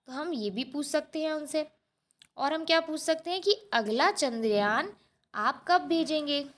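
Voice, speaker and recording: A woman's voice: high-pitched, a little slow, a bit bright. A woman teacher working through a schoolbook lesson, explaining step by step, repeating answers and asking the class rhetorical questions. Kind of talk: textbook lesson walkthrough.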